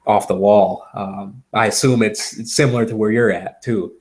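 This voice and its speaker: A man from Wisconsin with a Midwestern accent, talking through a sales pitch in a halting, agreeable way, repeating words as he goes. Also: steady tone, darkish tone. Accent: American Upper Midwest. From Wisconsin, United States. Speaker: real estate seller pitching to a homeowner. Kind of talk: conversational phone sales call.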